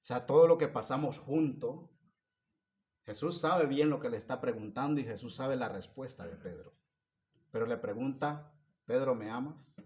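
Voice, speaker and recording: Male preacher shifting from loud to hushed. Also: medium pitch, normal speed, highs cut off. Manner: swings between loud emphatic peaks and soft, hushed passages; asks the congregation repeated rhetorical questions. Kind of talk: sermon.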